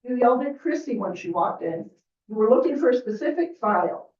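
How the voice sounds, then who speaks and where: A woman's voice: on the high side, animated, fairly quick, a little mellow, recorded from a distance. A woman on the village staff speaking firmly and earnestly at a public board meeting. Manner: earnest, firm, upset. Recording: roomy, off-mic, dull meeting audio.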